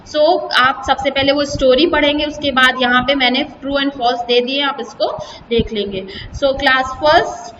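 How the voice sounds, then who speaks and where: A woman's voice: high-pitched, fairly even intonation, unhurried, fairly bright tone, long reverb tail, distant mic, lo-fi sound, a little hiss or hum. An Indian woman teacher with an Indian accent, explaining a children's English exercise step by step and spelling out words. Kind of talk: recorded video lesson in Hindi and English.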